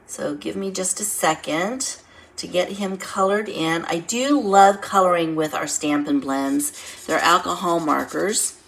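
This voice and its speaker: A woman's voice: low voice, a bit bright, a little hiss or hum. A woman with a nasal, congested voice from a head cold, casually talking through a craft demonstration as the instructor. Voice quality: nasal, congested, stuffed-nose sound. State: blocked nose from a head cold.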